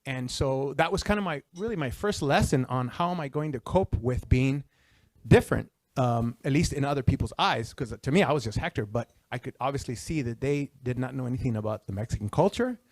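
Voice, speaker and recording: A man from El Paso, Texas, in his fifties and retired from the Secret Service, talks through his career on a panel, handheld mic in hand, before an auditorium audience. His voice is medium-pitched, expressive and darkish, fairly quick, conversational with lots of restarts and fillers, and recorded with no room sound.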